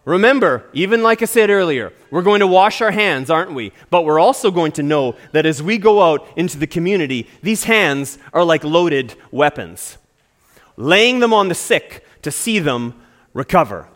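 A man's voice: a little high, lively intonation, normal speed, fairly bright tone. A male pastor preaching an earnest sermon with emphatic stresses.

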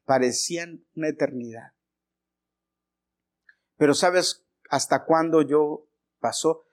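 A male pastor with a somewhat high voice delivers a storytelling sermon. He speaks straight to the congregation, calling them brothers, and builds into emphatic, forceful preaching. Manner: personal anecdote, addresses congregation as brothers, grows forceful and emphatic.

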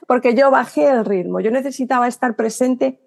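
A middle-aged woman from Spain with a Spanish accent, a writer and guest on a podcast interview, telling stories briskly and acting out remembered dialogue, often restarting her sentences. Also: a little high, creaky, a little mellow. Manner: talks in quick bursts with restarts and self-corrections.

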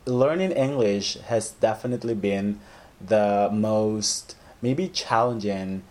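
Speaking slowly in a lowish, slightly mellow voice, this English teacher from El Salvador, a native Spanish speaker, chats casually as an interview guest. He hesitates, keeps restarting, and fills his talk with "like" and "right?".

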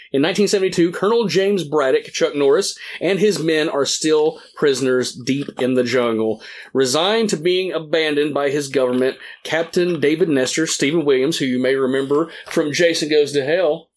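A man co-hosting a casual podcast, arguing for his movie pick with enthusiasm, lots of fillers and swearing. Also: fairly high pitch. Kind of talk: casual debate chat.

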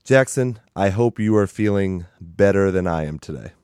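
A man's voice: low voice, lively intonation, normal speed, darkish tone, clean tone, no room sound. A young adult man hosting a podcast in casual chat, congested from sinus trouble, with a dry, self-mocking humor. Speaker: podcast host.

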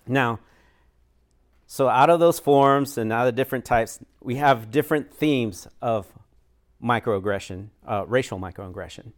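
Guy from the states leading a church group talk, lots of uhs and ums, laughs a little as he goes. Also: lowish voice. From United States. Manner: conversational, with frequent fillers and light laughs. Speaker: chaplain and pastor.

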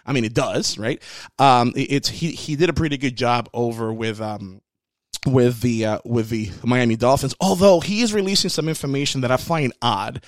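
A man with a medium-pitched voice, recorded dry with little room sound. He talks like a host offering opinion and advice straight to his listeners. His delivery is conversational and earnest, with key phrases repeated for emphasis. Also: normal speed, no room sound. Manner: conversational, addresses listeners directly as folks. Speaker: host giving workplace hiring advice. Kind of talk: casual opinion commentary with practical tips.

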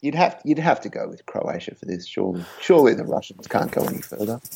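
A man with a creaky, husky voice, co-hosting a casual sports podcast. He rambles, hesitates with plenty of fillers and breaks into laughs as he talks. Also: medium pitch, big pitch swings, quick pace, darkish tone. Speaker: podcast co-host.

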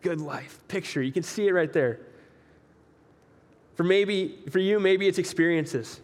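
A young man preaching a casual, conversational sermon, relaxed and joking as he talks straight to the listeners. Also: sits high, a little slow. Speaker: pastor. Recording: long echo of a large hall.

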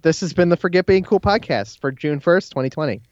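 A man hosting a podcast with casual banter, talking haltingly and repeating words as he goes. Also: on the high side, expressive, no echo, highs cut off. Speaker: podcast host. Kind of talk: casual banter between co-hosts.

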